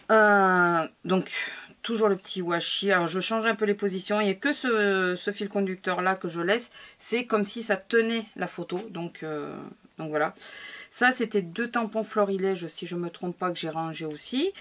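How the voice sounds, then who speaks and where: Woman, lowish voice, casual craft vlog, hesitant, lots of fillers, chatty. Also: fairly bright tone. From France. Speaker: scrapbooking vlogger. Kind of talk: casual show-and-tell of a craft album.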